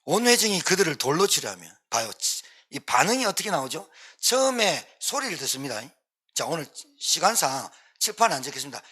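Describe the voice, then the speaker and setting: A man preaching with a bright, husky voice that sits high for a male speaker. He drives his points home by repeating them and acting out pleading lines. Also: big pitch swings, fairly quick. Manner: emphatic, repeats points for stress, acts out quoted pleas. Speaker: pastor. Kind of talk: sermon.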